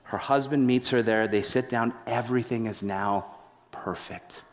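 A man's voice: medium pitch, normal speed, big-room sound. A male pastor giving a sermon, telling a story with playful humor and big swings in his voice.

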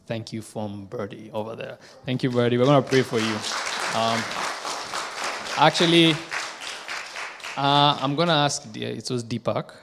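A man's voice: medium pitch, vocal fry, over a noisy crowd, heavy background noise. Man leading a church service. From Kenya. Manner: warm, halting, lots of "um" and restarts. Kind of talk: addressing a congregation. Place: church sanctuary. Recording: echoey church hall with congregation.

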